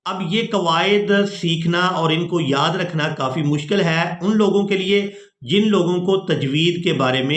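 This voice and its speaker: A man teaching Quran pronunciation in a lesson, explaining the rules and then chanting the verses slowly. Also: fairly high pitch, a bit bright, reverberant. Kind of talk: tajweed lesson with chanted recitation.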